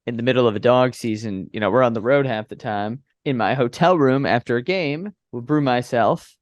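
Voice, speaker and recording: A young man in his twenties tells stories from his broadcasting work with animated, chatty energy. His voice sits in a middle register and sounds dry and close on a studio podcast mic. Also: medium pitch, brisk, no room sound, highs cut off. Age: 20s. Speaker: baseball broadcaster, guest. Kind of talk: conversational interview.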